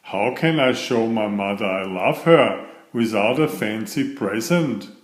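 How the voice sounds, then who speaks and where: A man's voice: on the low side, expressive, unhurried. A man voicing an earnest, questioning young boy turtle from a children's storybook, recorded with roomy echo. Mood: earnest, puzzled.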